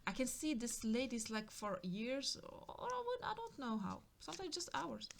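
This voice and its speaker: A woman's voice: on the high side, very animated, normal speed, creaky, slight background noise. A woman giving a spiritual tarot reading, musing and repeating herself, now and then dropping into a whisper. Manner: musing, repetitive, drops into whispers. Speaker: tarot card reader.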